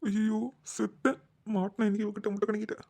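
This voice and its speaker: A man's voice: sits high, brisk, warm tone, no echo, lightly acted. A man voicing a flustered young brother in a cartoon. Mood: panicky. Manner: bickering, panicky asides. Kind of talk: cartoon voice acting.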